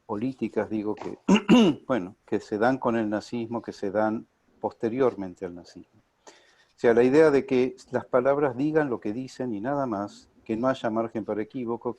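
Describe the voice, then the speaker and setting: A man's voice: mid-range voice, darkish tone, no room sound. Reflective Argentine man lecturing. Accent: Argentine Spanish. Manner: reflective, peppered with rhetorical "¿no?" asides. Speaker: panelist at an online lecture. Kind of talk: academic lecture. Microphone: video call.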